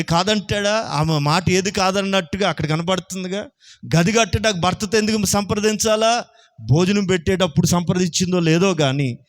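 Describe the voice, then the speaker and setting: A male pastor delivers a Sunday sermon with emphatic force. His voice sits fairly high, and he keeps asking the congregation whether they are listening. He presses each point home.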